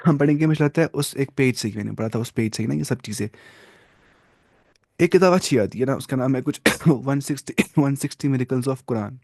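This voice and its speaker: A man's voice: medium pitch, vocal fry, a little mellow, dry recording, clean studio sound. A man teaching a religious lesson, asking his listeners questions and repeating key terms as he explains them. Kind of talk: classroom lesson on hadith.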